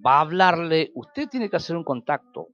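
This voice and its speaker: Argentine pastor preaching with lively swings. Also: male voice, on the high side, normal speed, muffled recording. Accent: Argentine Spanish. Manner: storytelling, acts out quoted dialogue, rises and drops sharply. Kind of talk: sermon.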